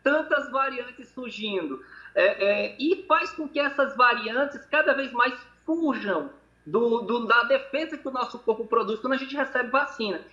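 A man's voice: very high-pitched, animated, normal speed, pushed and bright. A man, an infectious disease doctor, explaining as a guest over a video call from a hospital, with hesitant repeated words. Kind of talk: explanatory interview answers. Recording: lo-fi echoey video call audio.

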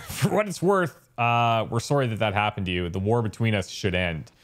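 A man's voice: on the low side, moderate pace. A man giving casual gameplay commentary. He thinks aloud, trails off into fillers, and reacts to what is on screen in an easygoing way. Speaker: let's play host.

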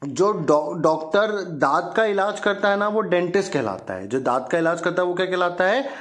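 A man teaching young children English words, repeating each one and asking it back as a question, and reading English lines slowly. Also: high-pitched, expressive, fairly bright tone. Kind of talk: classroom vocabulary lesson for children.

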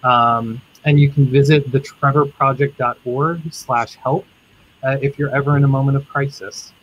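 Husky man, gentle and sincere, lo-fi audio. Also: mid-range voice, fairly even intonation, normal speed. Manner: gentle and sincere, with many fillers. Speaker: crisis worker on a panel. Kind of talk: panel discussion.

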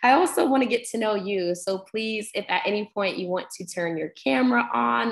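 Earnest young woman teaching over video call. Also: medium pitch. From Guyana, raised in New York. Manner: warm, earnest, many ums. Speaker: workshop instructor. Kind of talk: online poetry workshop. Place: home room on video call. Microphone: laptop video call mic.

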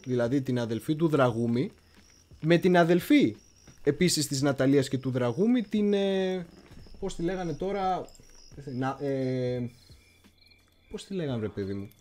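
A man's voice: fairly high pitch, a little mellow. A man hosting a casual history livestream, chatty and digressive, often stopping to search for words. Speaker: history channel host.

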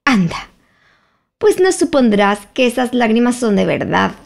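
Tweedledum, a fussy shrill twin, as a woman voices him. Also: big pitch swings, a little slow, creaky, exaggerated voice. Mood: scornful. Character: scornful twin brother, excitable and fussy. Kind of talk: audiobook character voice.

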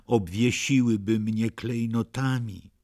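A man voicing a proud, eager young princess in an audiobook, husky and emphatic, with a slightly raised tone. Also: medium pitch, fairly even intonation, takes it slowly, mellow. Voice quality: husky, gravelly. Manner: emphatic, insistent, lifted tone. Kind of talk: audiobook character reading.

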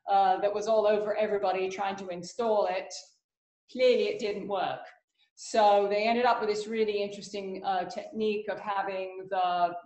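Middle-aged woman on a video call, lots of uhs, roomy echo, average pitch. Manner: hesitant, many fillers. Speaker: panelist. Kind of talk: casual panel discussion. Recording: echoey room on a video call.

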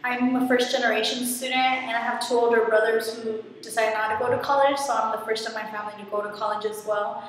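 Young woman, high, echoey webcam. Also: steady tone, quick pace, far from the mic. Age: young adult. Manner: earnest, encouraging. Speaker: first-generation college student. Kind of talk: short testimonial to camera. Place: small dorm room, indoors. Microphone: laptop webcam. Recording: echoey room, from the mic, faint hiss.

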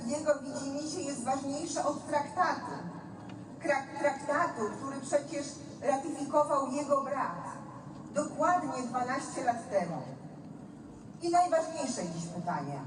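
A Polish woman giving an emphatic, deliberate political rally speech, addressing a crowd in repeated rhetorical phrases. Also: high-pitched. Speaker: political speaker at a demonstration. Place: outdoor city demonstration. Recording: echoey outdoor public address, distant, faint noise.

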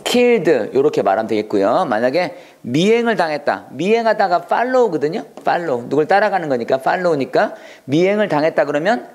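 A man teaching English vocabulary in a video lesson, repeating words slowly and acting out little taunts. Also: a little high, sing-song, darkish tone, slight background noise.

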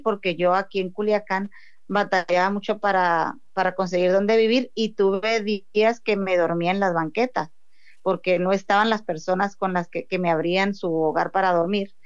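A woman's voice: medium pitch, smooth, dull audio. A woman with a Mexican accent giving a heartfelt personal faith testimony, often restarting her sentences. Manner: heartfelt storytelling with frequent restarts.

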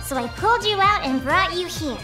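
A woman's voice: very high voice, lively intonation, brisk. A woman voicing a sweet, cheerful, airy young nursing student in an anime video game, cutesy and friendly. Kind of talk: English video game voice acting. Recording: roomy, distant, loud game music behind.

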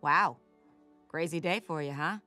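A woman playing a guarded, sardonic female alley cat in an animated film, speaking in a dry, halting way. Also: low voice, no room sound, soft background music. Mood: stunned, touched.

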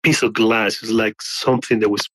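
Halting man in his forties telling a story. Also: on the low side, flat delivery, a bit bright, breathy edge, no echo, low-quality recording. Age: 40s. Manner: halting, many restarts and fillers. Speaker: guest. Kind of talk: casual storytelling.

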